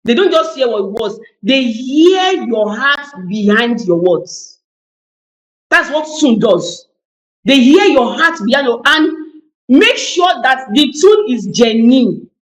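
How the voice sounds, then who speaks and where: A woman's voice: high-pitched, lively intonation, takes it slowly. Lady on a tv talk panel, keeps repeating her point, echoey room. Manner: emphatic, repeats key phrases for weight. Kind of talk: TV panel discussion.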